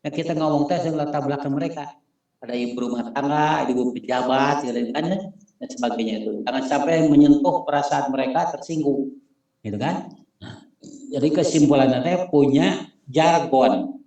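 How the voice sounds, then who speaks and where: A man's voice: medium pitch, moderate pace, dark tone. A man with a Sundanese accent lecturing a class, repeating key points with emphasis and spelling out acronyms letter by letter. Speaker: instructor. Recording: echoey room.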